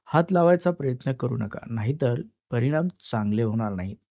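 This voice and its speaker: A man voicing a firm, defiant young woman, warm low tone, dry sound. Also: expressive, normal speed, no room sound, lightly acted. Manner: firm, controlled warning.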